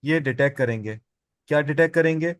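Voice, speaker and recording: This is a classroom lecture by a man teaching biology, who asks his students questions, supplies the answers himself, and repeats the key terms. His voice sits fairly high and moves briskly, and the recording is dry.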